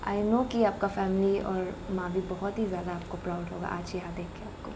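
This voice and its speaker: A woman hosting a talk show interview, speaking gently and encouragingly. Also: lowish voice, level tone, brisk, noisy background.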